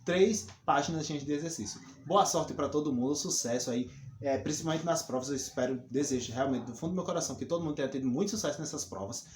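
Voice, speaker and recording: Male teacher with a Brazilian Portuguese accent, slightly high voice, patient explainer, echoey room with faint hiss. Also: fast. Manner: explains patiently, repeats points, checks with "ok?" and "tá bom?". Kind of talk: recorded classroom lesson.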